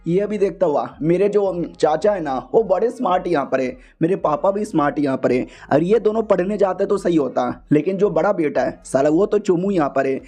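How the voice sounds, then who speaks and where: A man's voice: sits high, lively intonation, normal speed, hardly any pauses, dark tone. A man narrating a comic story in a chatty, slangy way, speaking to his viewers. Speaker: story explainer.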